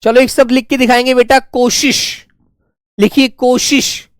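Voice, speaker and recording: A male teacher giving a spelling class, dictating words slowly and repeating each one, talking to pupils in a fatherly way. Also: very high voice, level tone, smooth, no echo, clean studio sound. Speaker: Hindi teacher.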